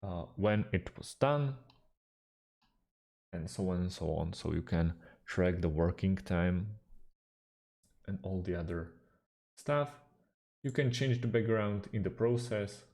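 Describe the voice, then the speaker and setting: A slow-talking Slovak man with a low, gravelly voice and lively intonation walks viewers through software in a screen recording. He hesitates with fillers, and his phrasing is slightly non-native.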